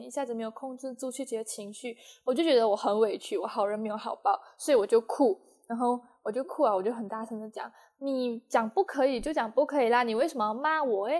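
A young woman talks straight to the camera in a relaxed storytelling monologue. She speaks quickly in a slightly raised voice, full of fillers and sentence-final particles. English words slip in now and then. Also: on the high side. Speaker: vlogger.

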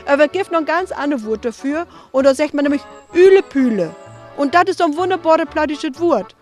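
A woman guides visitors through a museum, spinning chatty anecdotes in a high voice. She tags her sentences with a friendly "ne?". Faint music plays behind her. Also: animated, brisk, darkish tone. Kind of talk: casual storytelling.

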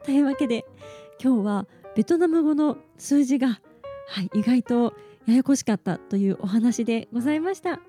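A woman's voice: on the high side, moderate pace, dark tone, soft background music. A woman hosting a casual solo podcast, chatting and explaining things step by step with a slight lilt. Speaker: podcast host.

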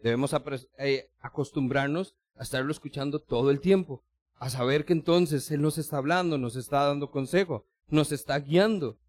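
A man's voice: a little high, normal speed, a little mellow, no room sound. Conversational male preacher, dry close sound. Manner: conversational preaching that acts out little everyday scenes; addresses listeners directly and formally. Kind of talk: sermon.

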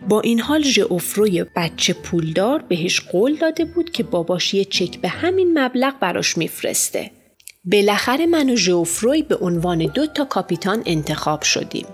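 A woman narrating a children's storybook in the first person as a schoolboy, with lively, expressive storytelling. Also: mid-range voice. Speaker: audiobook narrator. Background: faint music.

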